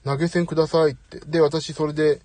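A man's voice: a little high, flat delivery, quick pace, a little mellow, no room sound. A middle-aged man hosting a casual live audio chat, talkative, apologetic and self-deprecating, speaking into a phone. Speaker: host. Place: parked outside, away from home.

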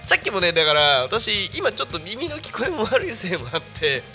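A man's voice: high voice, very animated, fairly quick, sharp tone, soft background music. A man hosting a casual live local radio show, chatty and rambling, laughing often, with a stuffy nose and throat. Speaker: radio personality.

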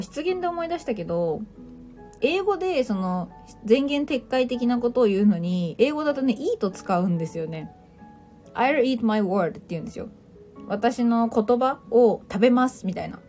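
A woman's voice: mid-range voice, big pitch swings, normal speed, dark tone, soft background music. A woman hosting a casual livestream, chatting playfully, teasing listeners as she reads their comments and mixing in English phrases. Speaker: livestream host.

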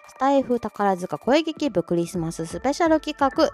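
A bubbly, giggly woman hosts a short, casual audio livestream, chatting, making announcements and reacting to listeners. Her voice is on the high side, very animated, at a normal speed. She belongs to an amateur voice-drama club, and soft background music plays beneath her voice.

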